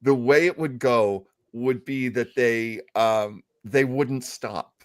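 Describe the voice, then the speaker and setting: Old-time radio is the topic as a man hosts a casual live talk show, chatting and joking at his own expense while telling stories. His pitch is medium and his pace slow.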